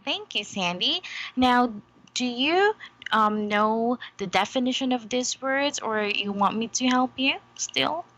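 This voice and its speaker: Patient woman english tutor, talks real slow, bright voice, keeps saying okay. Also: fairly high pitch, expressive, poor audio. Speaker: online English teacher. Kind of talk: demo English lesson.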